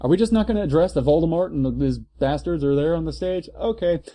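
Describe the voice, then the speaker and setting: Speaking a little high and fast, this man has a dark tone and there's no echo. He performs fan fiction as comedic dramatic narration, cutting in with disbelieving remarks as a comic reader would.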